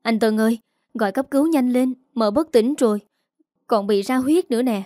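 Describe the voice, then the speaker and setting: A woman's voice: on the high side, brisk, no room sound, clean studio sound, natural voice. Woman voicing a frantic, caring young woman. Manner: shouting, urgent.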